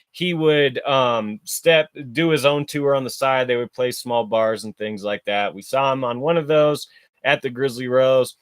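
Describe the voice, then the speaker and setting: A man's voice: medium pitch, a bit bright, smooth, no echo. Rambling man hosting a podcast, dry sound. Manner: rambling, filler-heavy, self-correcting. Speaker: podcast host. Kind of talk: casual solo podcast monologue.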